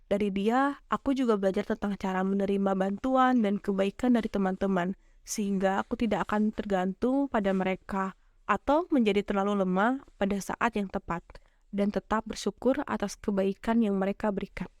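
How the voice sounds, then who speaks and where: A woman narrating an audiobook in a calm, measured reading style. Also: medium pitch, no echo, studio quality.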